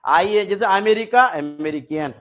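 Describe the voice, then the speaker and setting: A man's voice: sits high, takes it slowly, a bit bright, soft background music. A man teaching a classroom grammar lesson, with an Indian English accent, explaining through many examples and often checking whether students understand.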